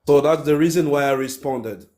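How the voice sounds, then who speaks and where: A man in his thirties speaks English with a Congolese French accent, as a native French speaker would. His pitch sits a little high for a man. He answers an interviewer in short, simple, halting phrases. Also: warm tone. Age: 30s. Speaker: pastor, guest caller. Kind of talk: casual live interview. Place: live video call.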